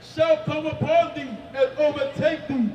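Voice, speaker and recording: Very high man shouting out scripture. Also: little pitch movement, unhurried, in a large hall, far from the mic, dull audio, a little hiss or hum. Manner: loud, declaiming. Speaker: scripture reader for a street preacher. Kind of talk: reading scripture aloud. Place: outdoors on a city street.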